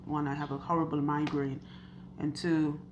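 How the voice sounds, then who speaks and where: A loctician who hosts her own channel speaks slowly and earnestly to camera in her hair salon, interviewing a client with a husky, hoarse, low voice and a flat delivery. She's chatty, asking questions and recounting stories. The audio is dull, with background noise.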